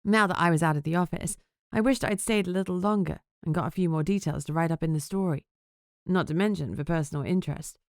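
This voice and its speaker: A woman narrates as a sardonic young vampire journalist, anxious under her jokes. The voice sits a little low and steady, and the storybook reading is close and dry with no room around it. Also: fast, no echo, lightly acted. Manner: sarcastic, self-mocking. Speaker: audiobook narrator. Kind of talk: first-person audiobook narration.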